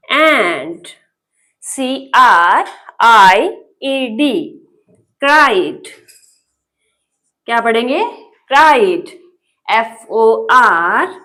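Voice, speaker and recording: A woman's voice: a little high, a bit bright. A woman teacher, spelling English words letter by letter and reading them out for learners. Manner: spells letter by letter, then says the word, asks the viewer.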